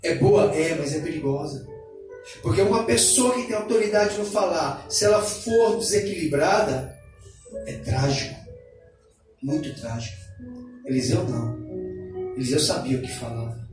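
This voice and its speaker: A male pastor preaching with a high, ringing voice, swinging between shouted exhortation and hushed storytelling. He is heard from far off in a very echoey church hall, with instrumental music playing behind him. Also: normal speed, pauses often. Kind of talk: preaching a sermon.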